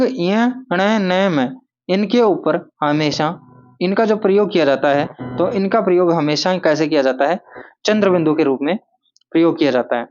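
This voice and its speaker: Man teaching grammar, repeating words slowly. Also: fairly high pitch, a little mellow, muffled recording. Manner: repeats words slowly, asks and answers his own questions. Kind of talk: classroom-style grammar lesson.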